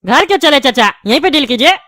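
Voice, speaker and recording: A woman's voice: high-pitched, lively intonation, quick pace, background noise. A woman voicing a talkative, touchy male candy shopkeeper in a cartoon comedy. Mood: puzzled.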